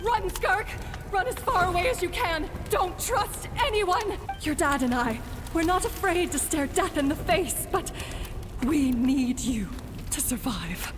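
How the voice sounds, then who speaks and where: A woman's voice: extremely high pitch, expressive, measured pace, background noise. An actress playing a brave, anguished mother in a video game, pleading and full of emotion. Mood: urgent relief, then tender farewell. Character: anguished, brave mother of a village under attack. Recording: long reverb, music behind.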